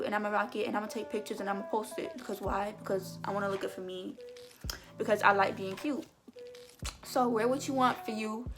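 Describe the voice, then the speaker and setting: Chatty teen girl giving advice over music. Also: fairly high pitch. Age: teens. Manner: chatty, earnest, keeps repeating "sis". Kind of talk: casual advice vlog.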